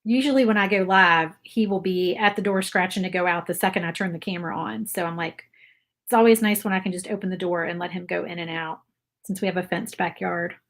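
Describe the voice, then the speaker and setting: On her craft livestream, a Virginia woman with an Appalachian accent paints and talks in a chatty, rambling way, reading out comments from viewers. Her voice is lowish and a little bright, brisk in pace, with fairly even intonation.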